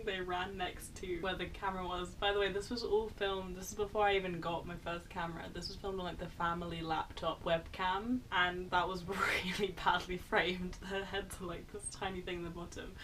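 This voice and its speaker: A woman's voice: on the low side, little pitch movement, brisk, few pauses, fairly bright tone, recorded from a distance, slight background noise, rough recording. A young woman in a casual reaction vlog, chatty and self-mocking, often laughing. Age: young adult. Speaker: YouTuber reacting to her old film.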